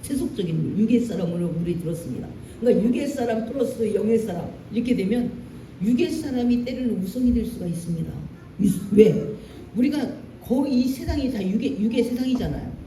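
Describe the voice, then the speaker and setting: A woman pastor preaching a sermon in a church, animated, acting out lines in a raised voice. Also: on the high side, roomy sound, recorded from a distance, slight background noise. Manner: animated preaching, acts out Moses' angry lines. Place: church sanctuary.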